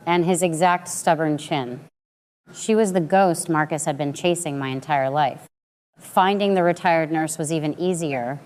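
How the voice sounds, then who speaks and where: Woman in her late twenties, low voice, smooth and resonant, measured dramatic storytelling, scripted narration. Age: late 20s.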